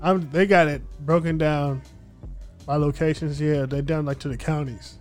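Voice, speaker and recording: A man's voice: on the high side, fairly even intonation, normal speed, faint music behind. A man co-hosting a casual podcast chat, slangy and laid-back, often trailing off with "like". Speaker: podcast co-host.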